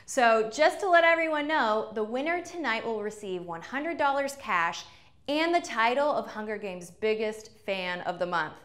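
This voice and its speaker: Woman, young adult, game show host, enthusiastic, slightly high voice. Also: expressive, normal speed, fairly bright tone. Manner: upbeat, enthusiastic.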